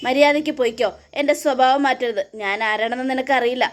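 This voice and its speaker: A woman's voice: high voice, fast, voice pushed up, natural voice. A woman voicing a bitter, unhinged middle-aged father who scorns and threatens his family. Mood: scornful. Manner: scornful, menacing.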